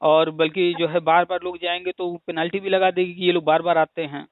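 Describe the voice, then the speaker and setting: A man's voice: high-pitched, little pitch movement, a little fast, no echo. Lecturing man on a tinny phone line. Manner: lecturing, patient, uses rhetorical questions and examples. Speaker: teacher hosting a call-in discussion. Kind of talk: casual explanatory phone chat.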